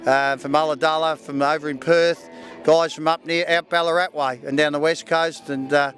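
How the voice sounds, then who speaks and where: Man, Australian accent, slightly high voice, casual thank-you speech, faint music behind. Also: steady tone, moderate pace, fairly bright tone. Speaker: event promoter.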